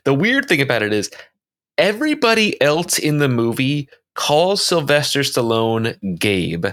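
A man's voice: mid-range voice, very animated, measured pace, a bit bright. A man co-hosting a casual movie review podcast, giving blunt, emphatic opinions. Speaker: podcast co-host.

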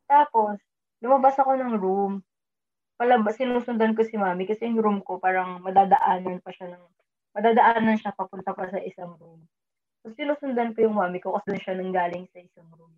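A woman's voice: mid-range voice, brisk. A woman casually telling a personal story, mixing English into her talk and raising her voice when she quotes herself. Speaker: storyteller sharing a dream experience. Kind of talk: casual chat. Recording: tinny phone-like line.

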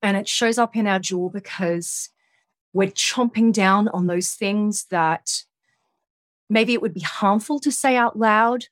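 A woman with a gentle, coaxing yoga-teacher manner, giving guided relaxation and movement instruction. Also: mid-range voice, slow, no echo.

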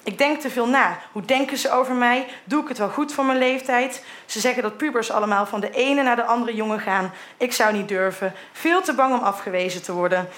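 A woman's voice: fairly high pitch, brisk, few pauses, fairly bright tone. A middle-aged woman reading her old teenage diary entries aloud in a candid way, sometimes laughing at what she wrote. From Netherlands.

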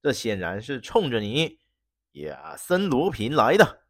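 A storyteller voicing a smug, scheming baron who mocks his rival slowly. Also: very animated, a bit bright, no echo, studio quality, heavily acted. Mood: mocking. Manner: slow, mocking and low. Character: scheming male baron villain, smug and cold. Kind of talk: storybook reading.

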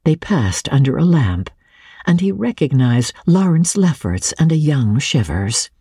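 An audiobook reader, a woman, narrates literary fiction with dramatic flair. Her very husky, mellow voice roams freely in pitch, giving a lively reading at a slightly slow pace. There's no echo on the recording.

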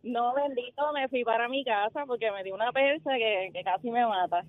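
A woman's voice: on the high side, moderate pace, no echo. Woman, caller, candid, tinny phone line. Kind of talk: phone-in anecdote.

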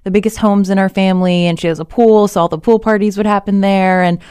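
A woman from Miami chats in an easy, casual way and laughs often. Her voice is smooth and clear, recorded close and dry with no room sound. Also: mid-range voice, steady tone, fast talker, darkish tone, dry recording. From Miami, United States. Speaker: radio reporter and guest. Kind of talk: casual conversation.

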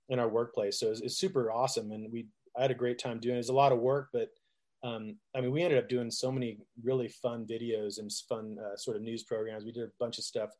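A man's voice: medium pitch, darkish tone. Laughing, rambling middle-aged male musician. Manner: rambling, laughs often, restarts, acts out quotes. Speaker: musician guest. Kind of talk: casual storytelling interview.

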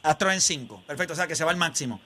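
A man's voice: fairly high pitch, animated, rapid-fire, crowd noise. A man hosting sports talk radio, brash and argumentative as he teases callers. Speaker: radio sports show host.

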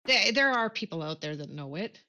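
A woman's voice: lowish voice, animated, a little fast, pushed and bright. A woman tax professional speaking as an interview guest, upbeat and emphatic, laughing easily. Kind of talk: casual interview chat.

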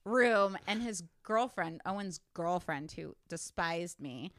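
A woman's voice: lowish voice, animated, takes it slowly, fairly bright tone. A woman stand-up comic with a lisp, a guest telling self-deprecating stories in casual podcast chat.

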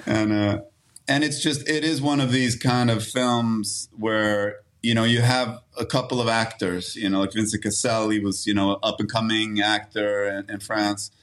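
Halting Swedish-raised man, low voice. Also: fairly even intonation. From Sweden. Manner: halting, many restarts and fillers. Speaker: actor, guest. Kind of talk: casual interview talk.

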